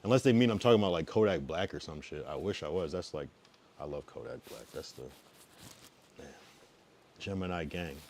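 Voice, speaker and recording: His voice is deep with lively intonation, fairly quick but broken by long pauses, over slight background noise. A man in his thirties from Massachusetts and Connecticut on the US East Coast, he chats casually with stream viewers, laid-back, going loud and then trailing into mumbling.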